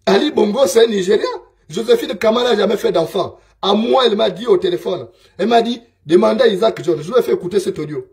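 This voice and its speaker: A man speaks in a high voice. He delivers a scornful political monologue and hammers his points home by repeating them. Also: fast talker, darkish tone. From Gabon. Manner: scornful, emphatic, repeats himself.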